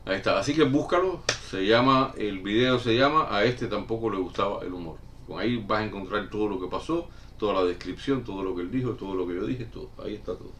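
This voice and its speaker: A middle-aged man from Cuba chatting casually as a channel host, answering viewer questions with many pauses, fillers and restarts. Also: on the low side, fairly bright tone. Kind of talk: casual chat. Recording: somewhat distant mic with faint room noise.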